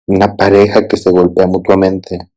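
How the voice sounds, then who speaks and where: A man's voice: sits low, completely flat delivery, normal speed, mellow, rough recording. A man, a therapist, talking reflectively through a film analysis and often checking in with his listeners. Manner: thoughtful, often asks listeners "¿no?" and "¿sí?".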